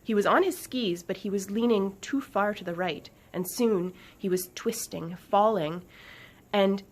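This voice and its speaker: Woman reading a children's book, husky. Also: medium pitch. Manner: expressive storytelling with dramatic pauses. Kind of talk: children's book read-aloud.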